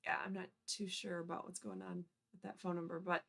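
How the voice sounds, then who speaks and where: A woman's voice: fairly low pitch, little pitch movement, brisk, vocal fry, a bit bright. A woman from Michigan's Upper Peninsula hosting a live call-in show, chatting informally and thinking aloud. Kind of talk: casual live-stream chat.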